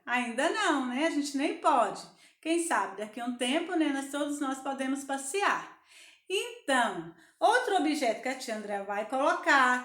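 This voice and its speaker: A woman's voice: high-pitched, fairly bright tone, reverberant. A young adult woman with a Brazilian Portuguese accent, teaching young children in a sing-song, coaxing voice and answering her own questions. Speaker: primary school teacher.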